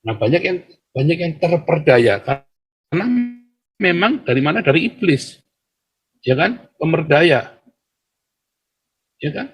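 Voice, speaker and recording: A man's voice: a little high, takes it slowly, long pauses. A man delivering a heated monologue to his listeners, ranting, often calling them brothers and acting out the voices he quotes. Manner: ranting, keeps addressing listeners as "saudara"; acts out quoted voices in lively bursts. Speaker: commentator. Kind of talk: heated monologue to an online audience.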